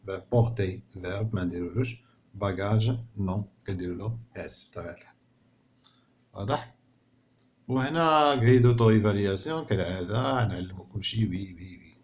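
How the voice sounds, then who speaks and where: A man's voice: fairly low pitch, fairly quick, dull audio, slight background noise. A man with a Moroccan accent teaching a French spelling lesson, explaining patiently and often checking that pupils follow. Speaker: primary school teacher.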